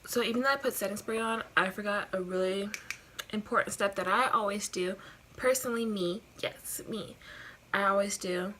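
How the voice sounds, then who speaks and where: A woman's voice: medium pitch, brisk, heavy background noise. A woman talking like a giggly, rambling drunk as she gives a casual makeup tutorial, often repeating herself. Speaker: beauty vlogger.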